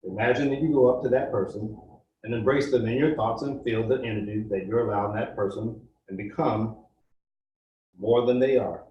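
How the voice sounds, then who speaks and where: Calm man leading a slow guided meditation. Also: medium pitch, reverberant, distant mic, dull audio, a little hiss or hum. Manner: slow, calm, coaching listeners step by step. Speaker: pastor.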